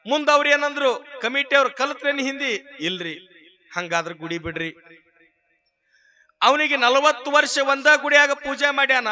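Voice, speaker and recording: A man preaching, his voice very high and strikingly bright. He tells a story in a humorous sermon and turns to speak straight to his audience. His delivery is lively throughout.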